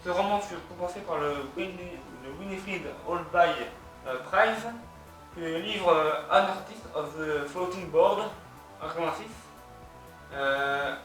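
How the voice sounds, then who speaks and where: Male French-accented host, slightly high voice, halting lecture from notes; very roomy, distant sound, faint music underneath. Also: a bit bright. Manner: many hesitations and restarts, reads out web addresses. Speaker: culture video host. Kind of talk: hesitant spoken lecture from notes. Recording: very echoey room, voice from off-mic, faint music.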